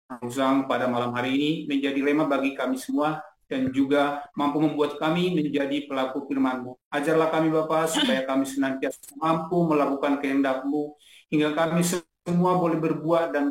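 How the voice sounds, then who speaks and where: A man leads a formal closing prayer in an even, flat tone that barely rises or falls. His voice is steady and solemn, and it echoes as if recorded in a roomy space. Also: fairly high pitch. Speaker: congregation member leading the closing prayer.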